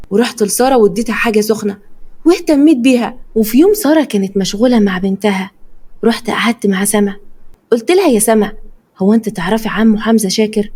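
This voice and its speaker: A woman's voice: a little high, breathy edge. A young woman with an Egyptian accent narrating a first-person story, voicing every character's dialogue herself. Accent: Egyptian Arabic. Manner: quick, lively dialogue voicing.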